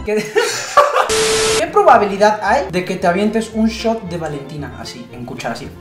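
A young man from Peru chatting playfully to camera in a home vlog, joking around and bursting into excited shouts. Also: high voice, normal speed. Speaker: vlogger. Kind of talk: casual chat to camera. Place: a house, indoors. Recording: roomy indoor sound with background music.

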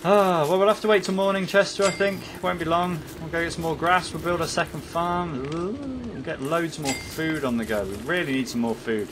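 A man talks through his video game run in a loose, jokey way, bragging one moment and fretting the next. His voice sits a little above the usual pitch for a man. There is clear noise in the recording behind him. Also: a little fast. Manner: jokey, chatty, talks to his in-game pet, jumps between excitement and panic. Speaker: gaming YouTuber. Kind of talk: let's play commentary.

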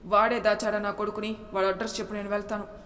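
A woman's voice: mid-range voice, little pitch movement, fast talker, fairly bright tone, close to an everyday voice. A woman voicing an angry, hurt young husband in a storybook reading, with scolding speech in an echoing room. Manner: scolding, bitter. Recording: reverberant room with faint noise.

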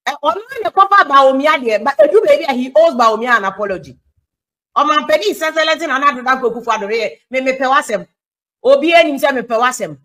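Ghanaian woman, political commentator, high voice, animated delivery. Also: poor audio. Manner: animated, switching between English and Twi. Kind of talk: political talk show commentary.

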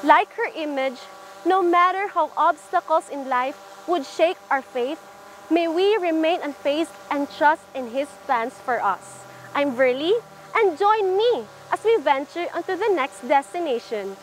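A woman's voice: high-pitched, lively intonation, measured pace, a little hiss or hum. A woman, hosting and presenting a memorized script with cheerful energy, on a lapel mic at an old stone church. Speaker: program host.

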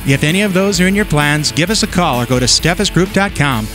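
A man's voice: a little high, expressive, quick pace, over music. Plain-spoken man in a friendly ad. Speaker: auction company spokesman. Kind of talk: conversational commercial.

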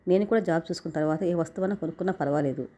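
A woman's voice: low-pitched, racing, warm tone. A woman reading the lines of a modest, hardworking young wife in a narrated story. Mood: earnest.

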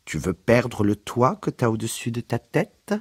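A man voicing a fussy, nagging working-class mother in a raised, shrill voice. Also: expressive, measured pace, a little mellow, breathy edge, dry recording, clean studio sound. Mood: insistent nagging.

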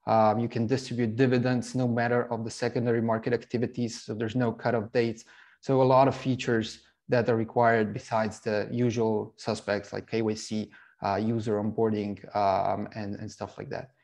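A middle-aged man from Slovenia giving an online conference presentation as a startup CEO, talking haltingly with many fillers and restarts over a video call from a home office. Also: on the low side, flat delivery, creaky, a little mellow.

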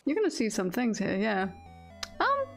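Over game music, this VTuber's slightly high voice swings hugely in pitch, moving at normal speed with vocal fry. She's a woman livestreamer who keeps her gameplay commentary casual and jokey, repeating short phrases and occasionally cursing.

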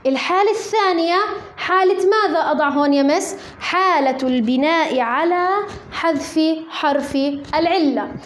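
High-voiced Levantine woman teaching grammar. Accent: Levantine Arabic. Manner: asks the class questions and answers them herself; dictates slowly, word by word, as she writes. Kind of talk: recorded classroom grammar lesson. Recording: echoey roomy recording.

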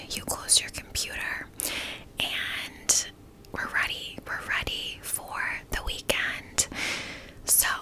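An ASMR video host, a woman, whispers a guided visualization in a breathy, unvoiced way. She sounds gentle and soothing, rambling casually as she goes. The recording is rough.

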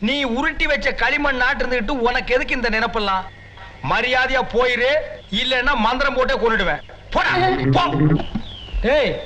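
High bright fake swami in an old tamil movie, bossy and then panicky. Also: male voice, a little hiss or hum. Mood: scolding. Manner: scolding, then wailing in panic. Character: blustering fake swami, cowardly schemer. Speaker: fake holy man in a film comedy.

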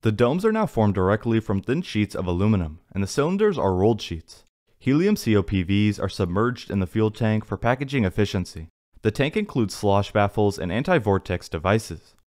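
Man, lowish voice, scripted voice-over, even technical delivery. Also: brisk. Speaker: narrator of a space news channel. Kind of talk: scripted narration. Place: voice-over, not in the pictured places.

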